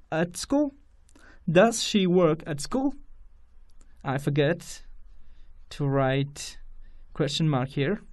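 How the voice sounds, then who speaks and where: A man's voice: on the high side, a little mellow. A man with a Kurdish accent, a native Kurdish speaker, teaching an English grammar lesson to students and repeating each example sentence with care.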